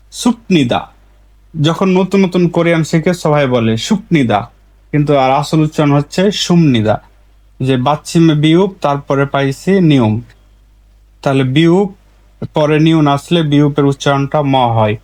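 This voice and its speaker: Guy teaching a language class, slightly high voice, goes over every example slow and twice. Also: a little mellow. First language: Bengali. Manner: patient, repeats each example word slowly. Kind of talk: explaining pronunciation rules.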